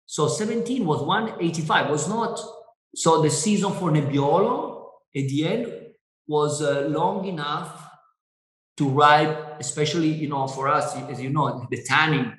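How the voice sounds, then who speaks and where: Italian-native winemaker, halting speech. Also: male voice, a little high, a bit bright, reverberant, low-quality recording. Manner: halting, many fillers and restarts. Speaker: winery owner. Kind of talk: Zoom wine tasting interview. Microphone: video call.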